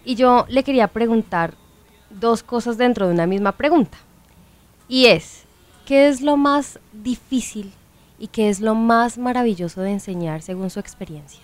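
A woman's voice: fairly high pitch, moderate pace. Woman asking thoughtful questions on radio. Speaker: radio host. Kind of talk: radio interview.

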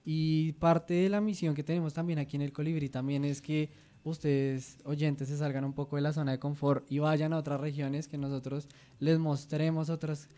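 A man co-hosting a podcast, talking in a relaxed way and repeating words while he searches for the next one. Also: a little high, moderate pace. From Colombia. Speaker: podcast co-host. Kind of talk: casual radio chat.

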